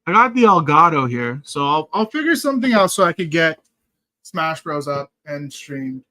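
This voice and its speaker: A man's voice: on the high side, very animated, normal speed, sharp tone. A young man streaming a game, chatting casually and thinking aloud as he plays. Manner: rambling, thinks aloud while playing. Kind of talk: casual gaming stream chat.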